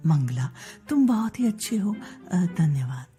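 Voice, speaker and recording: A mild, trusting rich husband from a storybook, as a woman puts him on, spoken in a voice dropped low and kept soft. He sounds easygoing and indulgent, with faint music underneath. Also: sing-song, slow, heavily acted. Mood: gentle. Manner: soft, lowered, mild-mannered speech. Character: gullible wealthy husband and father, gentle. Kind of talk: storybook character acting.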